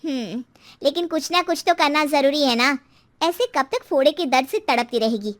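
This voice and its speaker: A woman's voice: sits high, animated, normal speed. A woman voicing a frank, chatty neighbour, a mother, outspoken and full of advice in a moral story. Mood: concerned. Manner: advising, outspoken.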